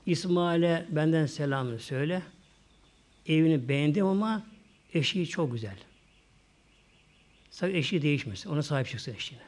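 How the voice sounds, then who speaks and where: A man voicing a wise, kindly old prophet and father who speaks calmly and firmly. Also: fairly high pitch, moderate pace, pauses often, lightly acted.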